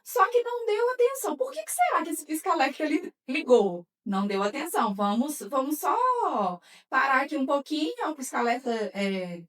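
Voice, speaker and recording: A woman's voice: high-pitched, sing-song, moderate pace, a bit bright, distant mic. A woman psychologist with a Brazilian Portuguese accent, explaining patiently with everyday examples and many fillers. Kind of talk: explanatory podcast talk.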